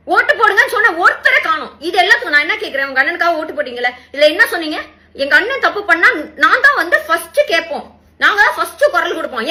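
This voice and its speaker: High, bright woman ranting. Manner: indignant, fires rhetorical questions. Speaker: social media commentator. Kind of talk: political rant video.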